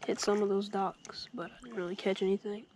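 A man's voice: high voice, moderate pace. A young man talking to himself as he fishes from a kayak on a lake, often in half-whispered asides, recorded on a head-mounted action camera outdoors. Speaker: angler vlogging from a kayak. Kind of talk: casual fishing commentary. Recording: outdoor action-camera audio with loud background noise.

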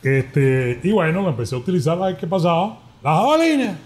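A man's voice: a little high, fairly quick, a little mellow. A man with a Venezuelan accent, a sports commentator telling anecdotes on a podcast and acting out the voices of the people he quotes. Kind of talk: casual storytelling.

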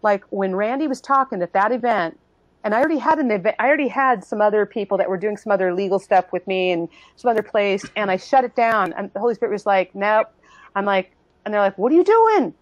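Earnest woman giving halting testimony. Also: medium pitch, no echo, lo-fi sound. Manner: earnest, halting, many restarts, acts out others' voices. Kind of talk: emotional personal testimony in a panel talk.

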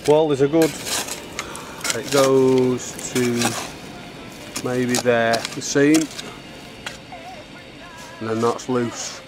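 Here a middle-aged man who digs for bottles as a hobby holds up his finds in the woods and talks about them in a casual, blunt way. His mid-range voice stays steady but goes extremely slowly, with long pauses, and music plays under it. Recorded on a handheld camera mic, the sound is rough, though he comes through clearly over the outdoor background noise.

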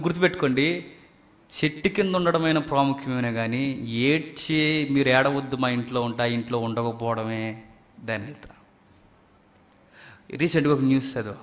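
A man preaching a sermon, swinging between loud emphatic cries and hushed near-whispers. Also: fairly high pitch.

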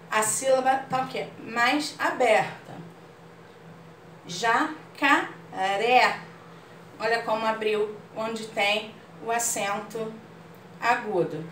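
A woman's voice: fairly high pitch, a bit bright. A woman teacher with a Brazilian Portuguese accent, explaining a grammar lesson patiently and checking understanding often. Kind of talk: online class lesson. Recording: roomy far-off mic with faint room noise.

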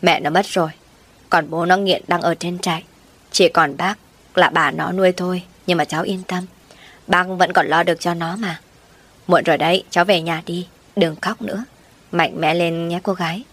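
A woman voicing a kind, upbeat older grandmother in a told story, speaking gently and reassuringly in a fairly low voice. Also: steady tone, moderate pace. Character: cheerful older grandmother who collects trash.

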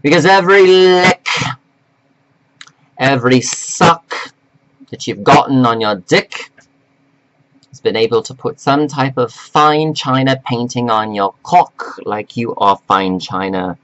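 Male self-styled coach, slow preachy scolding monologue to camera. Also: a bit bright, rough recording. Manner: slow, preachy and scolding, with sudden pitch jumps; reads from notes. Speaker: self-styled life coach addressing men.

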